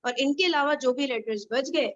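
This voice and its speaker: A woman with a high voice leads an online study group, explaining each grammar point patiently and pausing often to check that everyone follows. She is from Pakistan. Her voice comes through dry and muffled, like call audio. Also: no room sound. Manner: explains patiently, keeps checking understanding with "theek hai?".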